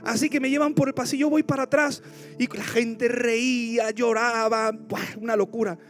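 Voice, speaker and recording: A man preaching a passionate sermon, telling stories with loud cries and hushed asides. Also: extremely high pitch, fairly even intonation, moderate pace, faint music behind. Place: large church auditorium.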